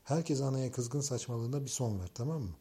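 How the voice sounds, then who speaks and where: A man's voice: medium pitch, animated, moderate pace, dark tone, close to an everyday voice. A man voicing a spirited, headstrong young wife who protests and pleads in an audiobook. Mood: protesting.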